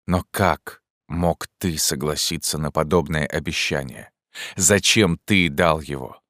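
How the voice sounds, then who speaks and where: A man voicing a proud, loyal rebel leader who speaks forcefully and with indignation, in an audiobook reading. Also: a bass voice, a little slow, no echo, clean studio sound. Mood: insistent.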